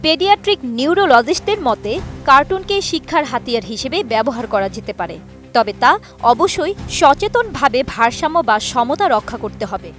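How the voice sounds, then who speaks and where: With faint music beneath her, a female reporter with a Bangladeshi accent reads a scripted news report at a moderate pace. Her high voice moves animatedly across a wide range of pitch.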